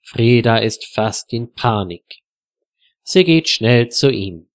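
A male narrator reads a simple story at a slow, measured pace, every word clear for learners. His voice sits in an ordinary middle range. The sound is dry and close to the mic. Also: medium pitch, expressive, no room sound.

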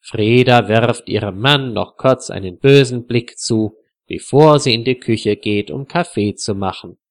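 A man narrating a story slowly and clearly for language learners. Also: mid-range voice, dry recording, studio quality. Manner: clear, measured.

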